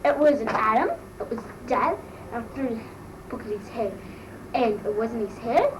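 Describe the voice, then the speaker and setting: A woman's voice: on the high side, expressive, normal speed, close to an everyday voice. A woman doing an amateur comic impression of a bratty, gossipy Australian teenage schoolgirl "mole", telling embarrassed, slangy stories in a breathless drawl. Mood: mortified gossiping. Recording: noisy amateur recording, distant mic.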